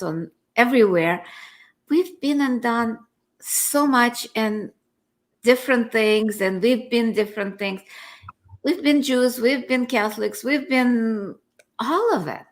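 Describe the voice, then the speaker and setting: A woman's voice: on the high side, takes it slowly. A woman co-hosting a casual online conversation, musing in a reflective, spiritual way. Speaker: co-host.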